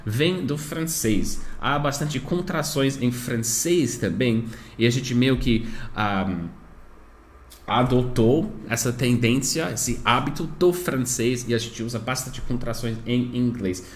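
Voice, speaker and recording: A man whose first language is English teaches grammar to learners in Portuguese, explaining patiently and modeling pronunciation slowly. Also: mid-range voice, slight background noise.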